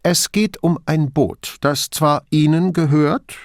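A timid, pedantic male bureaucrat on the phone, put on by a male audiobook reader. His voice sits noticeably higher than the reader's own and is dry and close. He sounds fussy and submissive. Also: steady tone, slow pace, dry recording. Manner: pedantic, submissive, raised pitch.

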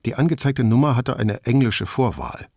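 A man narrating a novel as an audiobook reader, with an expressive, measured reading. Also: medium pitch, no room sound, clean studio sound. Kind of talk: scripted narration.

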